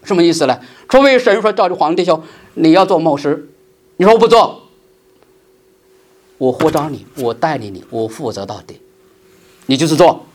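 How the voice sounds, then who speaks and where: A middle-aged male pastor preaching a sermon, swinging between loud emphasis and soft, hushed asides. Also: fairly high pitch, animated, a little fast.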